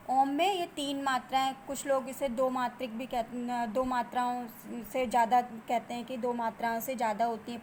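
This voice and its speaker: A woman teacher explaining grammar to children, asking them questions and answering them herself, and drawing out example sounds slowly. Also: sits high, darkish tone, a little hiss or hum.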